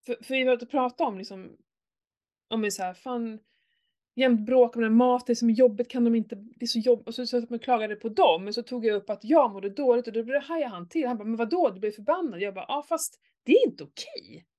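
A middle-aged woman with a fairly high voice, talking candidly in a relaxed chat. She tells her story with feeling and curses freely, and her voice rises sharply when she gets worked up. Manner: emotional, animated storytelling with swearing.

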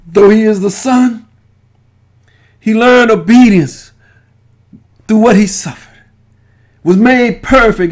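A man preaching a sermon, impassioned and repetitive, building to shouted pleas with frequent restarts. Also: very high-pitched.

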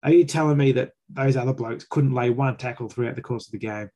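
A man's voice: medium pitch, fast talker, mellow. An Australian man hosting a fan sports chat, giving critical, emphatic opinions in colloquial language. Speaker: fan podcast host.

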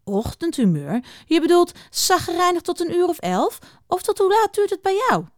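A woman reading aloud, voicing a cheerful, eager male hare who chatters excitedly. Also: very high-pitched, normal speed, dry recording, clean studio sound, pitched above the performer's own voice. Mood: bouncy eager. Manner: excited, bubbly.

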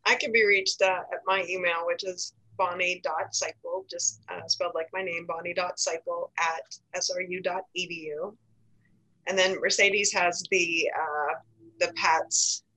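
An American woman giving informal information as a podcast guest, in a halting, hesitant way. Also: lowish voice, steady tone, pushed and bright, rough recording. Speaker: podcast guest, safe zone trainer.

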